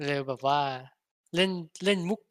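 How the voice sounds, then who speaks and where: Bright-voiced man in casual chat. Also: fairly high pitch, clear, resonant tone, dry recording. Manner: blunt, crude slang, halting restarts. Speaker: podcast co-host.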